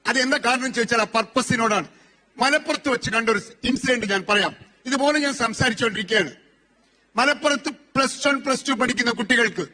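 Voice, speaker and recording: A man's voice: extremely high pitch, bright, forceful tone. A man in his forties giving a motivational speech, telling stories and asking rhetorical questions. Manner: storytelling with rhetorical questions and repetition. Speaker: motivational speaker.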